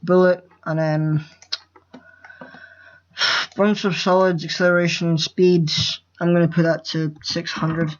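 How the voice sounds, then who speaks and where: Long pauses mark this slow, medium-pitched voice with little pitch movement, captured on a muffled recording. The speaker hosts a game-making tutorial for the first time, nervously rambling and self-interrupting while walking through a screen recording, fumbling words and swearing casually.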